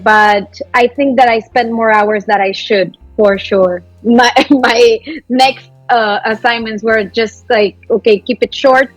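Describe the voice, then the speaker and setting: Guest spot: woman from Peru, lively and laughing, dry sound. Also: a little high, no room sound, rough recording. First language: Spanish. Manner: chatty, laughs often. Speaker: podcast guest. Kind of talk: casual podcast chat.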